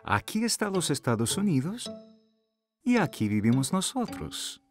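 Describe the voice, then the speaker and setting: A man's voice: fairly high pitch, very animated, unhurried, soft background music. A man voicing a kind father who explains things patiently in a children's cartoon dub.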